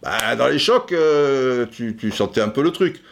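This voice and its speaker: A man's voice: mid-range voice, animated, unhurried, creaky. A middle-aged man telling football history in a casual way, stumbling into frequent repeated words and fillers as he addresses the listener directly. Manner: many stammered repeats and fillers. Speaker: football storyteller. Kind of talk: casual spoken storytelling.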